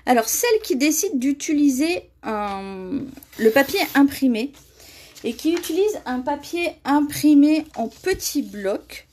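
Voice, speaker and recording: High-voiced chatty woman crafter. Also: big pitch swings, unhurried, a little mellow. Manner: chatty, laughs often, reads viewer comments aloud. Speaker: crafting demonstrator. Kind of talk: live craft tutorial.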